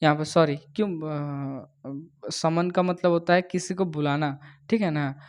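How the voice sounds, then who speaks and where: A male teacher with a fairly high, smooth, steady voice speaks at normal speed as he takes students through exam questions in a Hindi-English mix. He's chatty, checking in after almost every line with "ठीक है" and "है ना".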